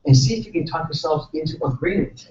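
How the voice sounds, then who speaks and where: Speaking fast in a slightly high, slightly mellow voice, a male chiropractor from San Francisco, California gives a casual seminar talk, poking fun at himself and putting questions to the crowd. The hall echoes, the mic is distant, and the recording sounds dull with faint noise.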